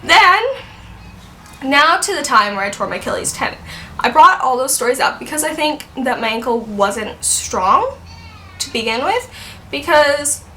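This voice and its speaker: A woman in her twenties chats through a storytime vlog. She rambles and leans on "like". Her voice sits a little high and has a bright, sharp edge, with a faint hiss behind it. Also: very animated, measured pace. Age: 20s. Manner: chatty, rambling, heavy use of "like". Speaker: vlogger.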